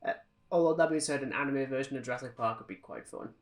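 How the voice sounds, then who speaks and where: A British man co-hosting a podcast talks fast at a medium pitch. His casual film chat is sardonic, opinionated, and ranting.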